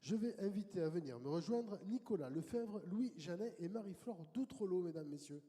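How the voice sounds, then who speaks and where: A man's voice: high voice, expressive, dark tone. Man moderating in a reverberant hall. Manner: brisk and welcoming, directing guests. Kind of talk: conference moderating. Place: conference hall.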